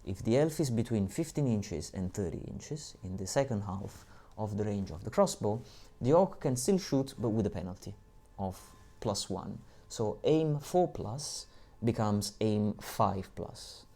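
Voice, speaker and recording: A man with a fairly low, mellow voice explains tabletop wargame rules. He works through the dice math patiently, step by step, dropping in small asides along the way. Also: lively intonation, a little slow. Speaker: tabletop game tutorial presenter.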